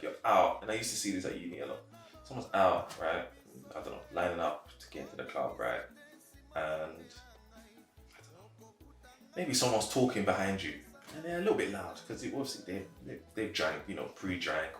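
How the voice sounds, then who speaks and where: A young man in his twenties answering interview questions casually, animated and quick to laugh. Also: on the low side. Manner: animated, laughs easily, acts out quotes. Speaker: interview guest. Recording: roomy echo, faint background music.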